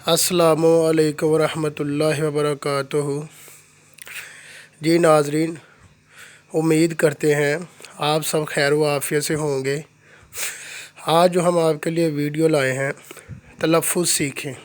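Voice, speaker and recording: A man teaching Urdu pronunciation, repeating each word slowly and deliberately in a lesson. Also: a little high, flat delivery.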